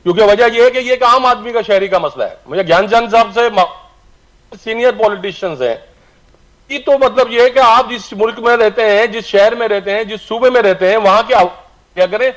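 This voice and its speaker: Remote guest over a distant phone line: man, high voice, blunt debater. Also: normal speed. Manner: blunt, speaks up forcefully. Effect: heard over a phone or video-call line, distant and breaking up. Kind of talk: televised political debate.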